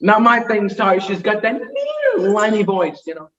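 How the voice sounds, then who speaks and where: A young man acting in a school play over video call, excitable and jokey. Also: sits high, moderate pace, in a large hall, distant mic, highs cut off. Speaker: actor in the play.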